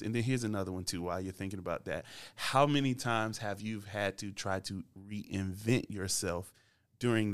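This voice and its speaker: A man's voice: lowish voice, clean tone. A man hosting a casual faith-based podcast, telling stories in a laid-back way and laughing often. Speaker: podcast host.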